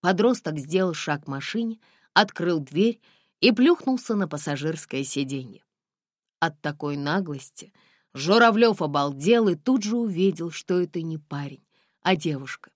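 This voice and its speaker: A woman narrating a novel in an expressive audiobook reading. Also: deep voice, moderate pace, no echo, studio quality. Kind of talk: scripted narration.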